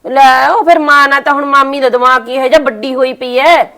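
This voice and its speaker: A woman's voice: high-pitched, fairly even intonation, fairly quick, pushed and bright. A woman playing a fretful aunt in a family drama skit, blaming herself for trouble she caused. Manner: fretful, self-reproaching. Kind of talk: village family drama acting.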